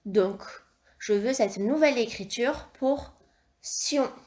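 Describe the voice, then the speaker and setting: With an animated, slightly high voice, a French woman who teaches primary school gives young children a dictation. Her delivery is slow, clear and carefully articulated, syllable by syllable, and she keeps her instructions encouraging and patient from start to finish.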